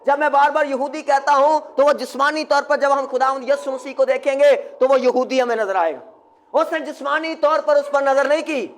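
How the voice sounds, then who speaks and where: A man preaching a sermon as pastor, quizzing his congregation and having them call the answers back, at times breaking into shouts. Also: very high-pitched, steady tone. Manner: bursts into shouting.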